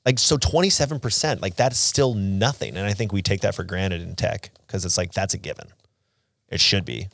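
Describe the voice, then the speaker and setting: Low, slightly creaky and a bit bright, this man's voice moves at a moderate pace with no echo. He's in his thirties, co-hosting a podcast in a conversational, opinionated style peppered with "like."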